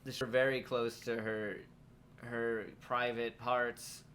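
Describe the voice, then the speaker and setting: A man's voice: mid-range voice, level tone, slow, a bit bright. A man co-hosts a casual comedy podcast. He riffs in a goofy, playful way. A faint noise sits behind his voice. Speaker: podcast co-host.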